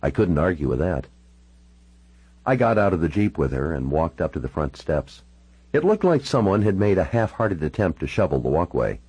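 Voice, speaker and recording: A man's voice: deep voice, sing-song, moderate pace, a little mellow, husky, no echo, rough recording. A man narrating a novel in the first person, with dry, wry asides. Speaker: audiobook narrator.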